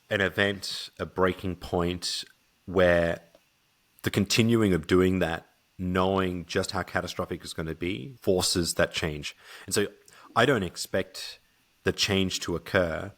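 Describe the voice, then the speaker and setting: Male podcast guest, deep voice, reflective and hedging delivery. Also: fairly bright tone. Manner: thoughtful, hedging, with restarts. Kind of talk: casual conversation.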